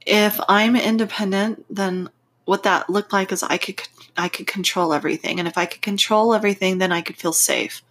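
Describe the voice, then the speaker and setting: A woman hosting a reflective personal podcast, speaking in deliberate, expressive phrases with a congested, nasal voice from a stuffed-up nose. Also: medium pitch. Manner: unhurried, deliberate phrasing with pauses. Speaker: podcast host.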